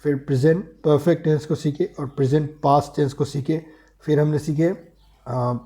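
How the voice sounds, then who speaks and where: A man with a mellow, warm voice gives a screen lesson on English grammar. He works through one structure at a time, keeps asking "what comes next?", and repeats the same example sentences as drills. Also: on the high side, fairly even intonation, normal speed. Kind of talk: explaining grammar step by step while writing on a tablet.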